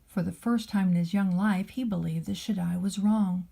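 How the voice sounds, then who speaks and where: A woman reads a children's storybook the way a nanny would to a small child, gentle and deliberate. Her mid-range voice is gravelly and slightly rough, with fairly even intonation.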